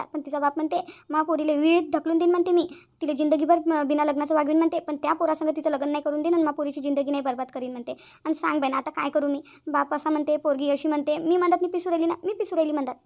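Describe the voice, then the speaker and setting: A woman's voice: high voice, a little mellow, dull audio. A woman voicing a worried, weary village mother in a cartoon, scolding and fretting. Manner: fretful, scolding, sighing complaints. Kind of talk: cartoon voice acting.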